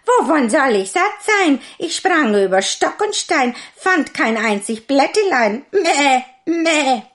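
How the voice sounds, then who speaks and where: A woman's voice: high voice, sing-song, slow, fairly bright tone, voice pushed up, exaggerated voice. A woman voicing a spiteful, lying goat in a storybook, with a bleating, mocking sing-song. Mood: taunting. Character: spiteful lying nanny goat, fairy-tale animal.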